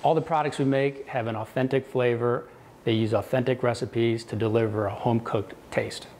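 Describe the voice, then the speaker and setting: A man in his thirties talks about his family business in a measured, earnest interview. His voice sits at an ordinary pitch and is picked up by a lapel mic in a kitchen showroom, with faint room noise behind. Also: steady tone, darkish tone. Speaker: company executive.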